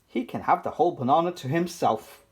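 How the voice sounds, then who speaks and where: A children's book reader with a mid-range voice reads aloud briskly for toddlers. The delivery is animated, playful, and sing-song.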